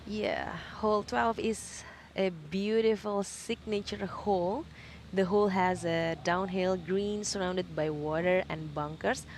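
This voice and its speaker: A woman's voice: medium pitch, a little hiss or hum, poor audio. A woman working as a golf co-commentator, giving live commentary on a tournament.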